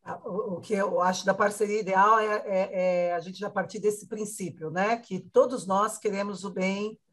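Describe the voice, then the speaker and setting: Woman from a school's staff, mid-pitched, talks through an answer with lots of fillers. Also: steady tone, normal speed. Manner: hesitant, with many fillers. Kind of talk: conversational panel answer.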